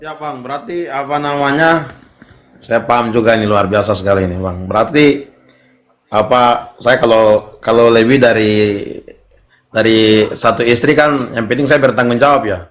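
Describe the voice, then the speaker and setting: A man with a mid-pitched voice speaks haltingly, often stopping to restart his sentence. His tone is agreeable but unsure. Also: a bit bright. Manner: hesitant, searching for words. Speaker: conversation partner.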